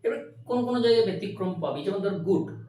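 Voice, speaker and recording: A man teaching an English grammar lesson, asking questions, answering them himself and repeating words slowly. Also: sits high, animated, dark tone, recorded from a distance, slight background noise. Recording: very echoey room, recorded from afar.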